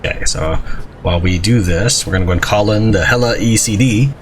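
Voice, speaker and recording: Low-voiced man doing brisk gameplay commentary. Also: crowd noise. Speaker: gaming video host.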